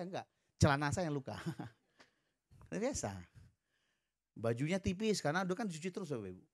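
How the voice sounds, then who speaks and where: Middle-aged pastor guy, kinda high voice, preaching and joking around with the congregation. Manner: lively storytelling with humorous asides to the congregation; leads the congregation in call-and-response. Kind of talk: sermon.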